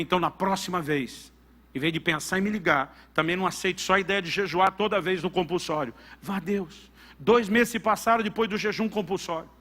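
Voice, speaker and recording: A middle-aged Brazilian pastor preaches in an emphatic storytelling style, acting out the voices of his family as he goes. His voice is bright and forceful, and it sits a little high for a man. He speaks with a Brazilian Portuguese accent. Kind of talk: sermon.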